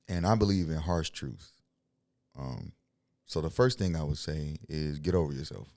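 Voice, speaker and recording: Deep-voiced blunt preachy man. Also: a little mellow, no room sound, clean studio sound. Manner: blunt, preachy, tells stories, laughs often. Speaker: guest, signed music artist. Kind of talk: faith-centered interview talk.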